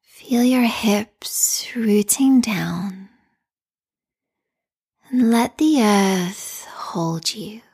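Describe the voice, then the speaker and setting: A woman leading a guided meditation in a calm, soothing, meditative tone, with a soft, breathy, whispery voice. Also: medium pitch, very slow, long pauses.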